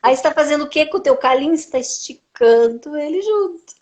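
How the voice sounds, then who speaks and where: A woman's voice: sits high, expressive, fast talker, darkish tone. A woman speech therapist explaining voice technique on a live stream, asking rhetorical questions and answering them herself. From Brazil. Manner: frequent tag "né".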